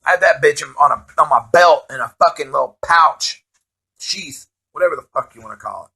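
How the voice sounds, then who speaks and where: A middle-aged man with a gravelly, slightly raspy voice tells a story in a loose, rambling way, swearing constantly. He laughs at his own tale now and then and keeps a plain, casual pace. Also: on the high side, animated, a little fast, bright, forceful tone.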